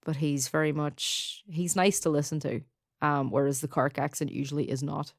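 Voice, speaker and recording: A woman's voice: deep voice, steady tone, moderate pace, no room sound, studio quality. A woman with a Donegal Irish accent co-hosting a podcast, chatting casually, laughing often and leaning on "like" as a filler. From Donegal, Ireland. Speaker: podcast co-host. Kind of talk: casual chat.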